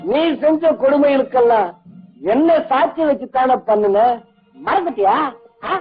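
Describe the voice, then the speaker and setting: A bitter, taunting son, very high-voiced. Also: male voice, expressive, unhurried. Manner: taunting, accusatory, mocking questions. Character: young man bitterly accusing his cruel father. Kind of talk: 1980s film acting. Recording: tinny old film soundtrack, faint music.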